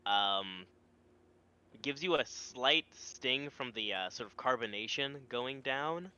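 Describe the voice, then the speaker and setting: A man narrating as game master in a measured, wry way. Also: mid-range voice, lively intonation, sharp tone, clear, resonant tone, dull audio.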